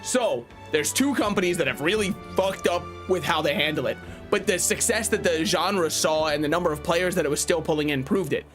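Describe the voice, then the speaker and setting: High-pitched man streaming casual game commentary. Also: brisk, few pauses, a bit bright, soft background music. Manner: joking, opinionated, conversational, swears.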